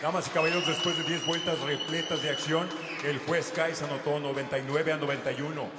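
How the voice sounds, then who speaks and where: A man working as a bilingual boxing ring announcer, with a drawn-out, booming lucha libre-style delivery over an arena PA. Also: steady tone. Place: large indoor arena over PA. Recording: echoey loud arena, crowd noise. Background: loud crowd and noise.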